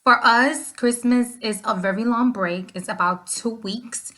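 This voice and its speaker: A woman's voice: fairly high pitch, a little slow, fairly bright tone. Woman from the Dominican Republic presenting. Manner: reads from a script with short fillers. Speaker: student presenter. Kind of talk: prepared class presentation.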